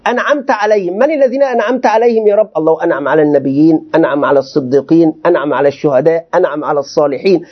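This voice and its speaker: A sheikh teaching a class with a high, quick voice, firing questions at his students and answering them himself. The recording sounds dull and lo-fi. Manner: animated, questioning students rhetorically. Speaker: sheikh teaching Quranic commentary. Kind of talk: classroom lecture.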